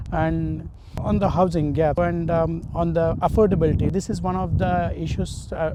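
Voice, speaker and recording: An earnest man answers interview questions as a candidate. His voice sits a little high, and he often stalls on fillers and restarts. Traffic noise and the hum of a street come through clearly behind him. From India. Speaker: political candidate.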